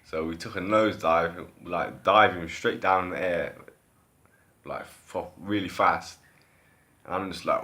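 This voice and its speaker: A man's voice: deep voice, pushed and bright. A man, recording at home in his living room, tells a story in a casual, rambling way, often repeating and restarting his phrases and trailing off. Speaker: vlogger recounting a dream.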